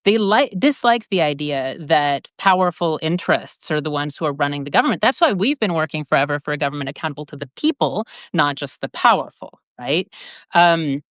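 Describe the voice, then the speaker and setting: A woman's voice: low voice, expressive, a little fast, fairly bright tone, no echo, clean studio sound. A woman from Peru, a democracy advocate, speaking earnestly and urgently as a guest in a political discussion.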